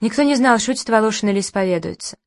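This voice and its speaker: A woman reading a literary audiobook in an even, measured narration. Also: medium pitch, no echo, studio quality.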